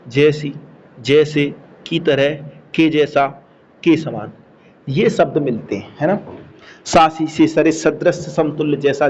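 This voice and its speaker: Male teacher, slightly high voice, patient repetitive explainer, dull lo-fi recording with faint hiss. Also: a little mellow. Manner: explains step by step, repeats key words, asks checking questions. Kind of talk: Hindi grammar lesson.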